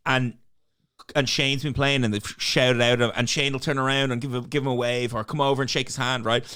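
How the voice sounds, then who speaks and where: A man's voice: mid-range voice, brisk, clear, resonant tone, dry recording. Irish guy on a golf podcast, cursing a lot, dry close mic. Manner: animated, swears freely, trails off and restarts. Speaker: podcast co-host. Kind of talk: casual golf chat.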